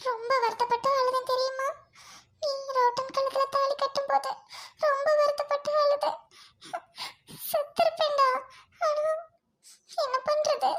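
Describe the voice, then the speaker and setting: A gentle, caring young woman in a home-made drama, voiced by a woman. She speaks softly and soothingly, in a very high voice. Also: steady tone, moderate pace. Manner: soft, soothing, apologetic.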